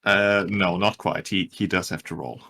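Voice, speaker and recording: A man's voice: low voice, steady tone, moderate pace, gravelly, bright, forceful tone. A man running a tabletop game, narrating and giving rulings casually as game master.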